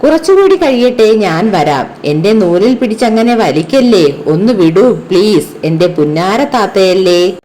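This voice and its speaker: A woman's voice: medium pitch, big pitch swings, a little slow, warm tone, a little hiss or hum. A woman voicing a playful young boy kite who begs to keep flying, in a coaxing, pleading voice. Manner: coaxing, begging tone.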